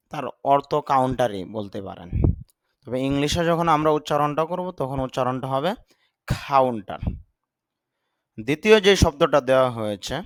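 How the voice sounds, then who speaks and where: A Bengali-speaking man with a somewhat high voice teaches English vocabulary patiently, step by step, spelling words out sound by sound. There is no echo on the recording.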